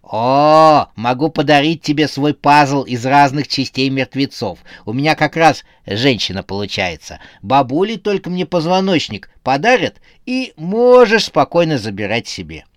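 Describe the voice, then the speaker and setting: A man's voice: mid-range voice, very animated, a little slow, few pauses, no room sound, clean studio sound. A man voicing a cheerfully morbid woman who teases with macabre jokes in a comic horror audiobook. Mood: teasing. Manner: cheerful, teasing.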